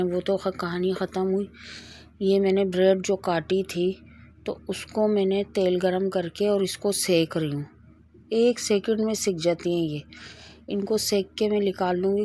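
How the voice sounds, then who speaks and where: Woman, middle-aged, cooking host, low-ish voice, chatty, explains steps as she goes. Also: warm tone. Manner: chatty, instructive, tells a moral story mid-recipe. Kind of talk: casual cooking demonstration with storytelling.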